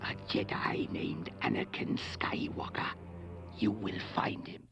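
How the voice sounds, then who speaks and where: An actor voicing a creepy, scheming old dark master in a cartoon, with a scratchy, raspy whisper and a melodramatic manner. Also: male voice, low voice, a little slow, music in the background. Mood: sinister. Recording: cartoon score behind.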